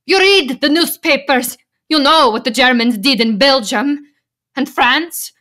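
In a radio play, an actress voices a firm, protective Slovak immigrant wife, her Slovak-accented lines measured, pleading and emphatic. Her female voice sits high and sounds pushed and bright.

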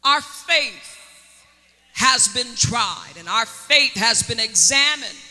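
A woman's voice: fairly high pitch, animated, bright, forceful tone. A woman preaching a sermon as a prophetess, stretching key words with dramatic emphasis and calling on the congregation to answer. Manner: dramatic drawn-out emphasis, call-and-response. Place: church sanctuary. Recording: long church hall reverb.

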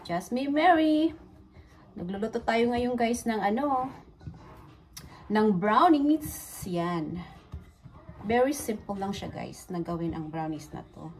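Animated yet slow, with frequent pauses, a middle-aged Filipino-accented woman chats to her viewers in a medium-pitched, slightly mellow voice while baking, moving between Tagalog and English. A phone held at arm's length or propped close by records her in a small indoor home kitchen, with clearly noisy audio.

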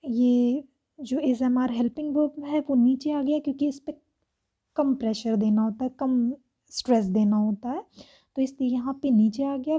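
A woman teacher, reading exam questions aloud slowly and explaining each answer step by step. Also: high voice, mellow, breathy edge, highs cut off. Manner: slow, reads English questions aloud word by word then explains in Hindi. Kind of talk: exam-prep lesson.

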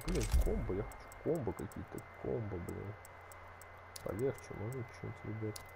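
Low-voiced man casually commentating gameplay. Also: expressive, gravelly, heavy background noise. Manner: informal, halting, thinking aloud. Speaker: gaming video host. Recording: loud game music behind.

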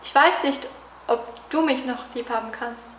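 A woman's voice: sits high, normal speed, fairly bright tone, slight background noise. A woman playing a timid, guilty young wife who stammers and pleads, acted on a stage. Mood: remorseful. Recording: roomy hall echo.

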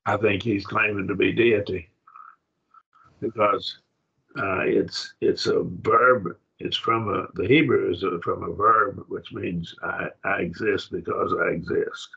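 A man teaching a Bible Greek class, halting and repeating himself, often checking that the class follows. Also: low voice, steady tone, gravelly, pushed and bright, slightly rough, muffled recording. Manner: halting, repeats words, asks the class if it makes sense.

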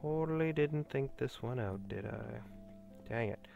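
A man's voice: medium pitch, a little slow, creaky, darkish tone, lo-fi sound, soft background music. A man hosting a Let's Play, chatting casually and mocking himself as he plays. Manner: chatty, self-mocking, talks to himself while playing. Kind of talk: casual gameplay commentary.

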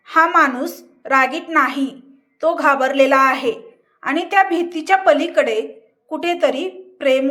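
A woman reads a novel aloud in calm, measured narration. Her voice sits high, and she takes her time with every line. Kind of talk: scripted narration.

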